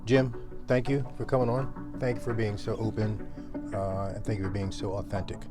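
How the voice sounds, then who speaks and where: A man hosting an interview podcast, talking in a relaxed way with many fillers as he wraps up. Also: fairly low pitch, moderate pace, music in the background. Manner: relaxed, filler-heavy wrap-up talk. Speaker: podcast host. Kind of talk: casual interview chat.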